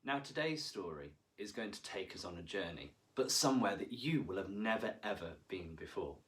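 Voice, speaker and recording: A man reading a picture book aloud to children, animated and engaging, asking the listener questions. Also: low-pitched, moderate pace. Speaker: children's storyteller.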